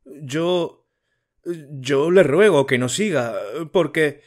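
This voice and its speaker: A man's voice: on the high side, very slow, pitched above the performer's own voice. A man voicing a nervous young male student who stammers breathlessly at his father in an audiobook story. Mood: nervous pleading.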